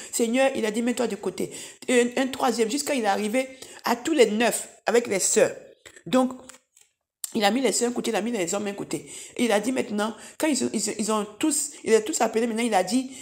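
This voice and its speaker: A middle-aged woman giving a spoken church testimony, telling a vision in animated, repetitive storytelling and calling her listeners beloved. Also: a little high, vocal fry.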